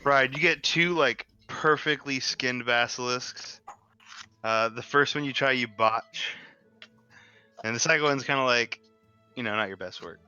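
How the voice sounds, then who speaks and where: A man's voice: medium pitch, unhurried, sharp tone, clear, resonant tone, muffled recording, faint music behind. A man running a tabletop game as game master, loose and playful with lots of fillers. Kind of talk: casual tabletop game narration.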